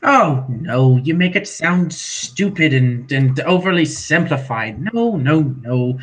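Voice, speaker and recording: A man's voice: a little high, expressive, takes it slowly, low-quality recording. A man voicing a theatrical, scheming doctor in a tabletop game, speaking in a grandiose, showman-like way.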